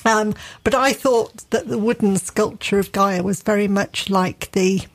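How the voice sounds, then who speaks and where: A woman's voice: medium pitch, measured pace. A middle-aged woman from England with a Derbyshire accent, co-hosting a radio gardening show in chatty, enthusiastic casual talk full of fillers and restarts. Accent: English, Derbyshire.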